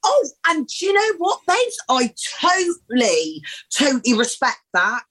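A woman in her thirties talks openly as an interview guest, her voice sitting a little high. She is bubbly and blunt, swearing often and calling the host "babes". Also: wildly swooping pitch, a little slow, fairly bright tone, poor audio. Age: 30s. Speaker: podcast guest. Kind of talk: candid interview talk.

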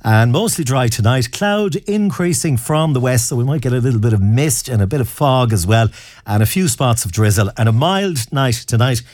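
Irish man, radio forecast reader, mid-pitched with animated intonation. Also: normal speed. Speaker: radio weather presenter. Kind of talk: broadcast weather forecast.

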